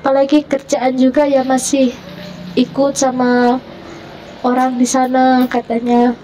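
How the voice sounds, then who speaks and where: A woman's voice: completely flat delivery, measured pace, mellow, distant mic, slight background noise, rough recording. A woman recounting an emotional personal testimony, voicing family members' words as she goes. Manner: quotes family members in her own voice, rising high when moved. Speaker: guest telling her conversion story.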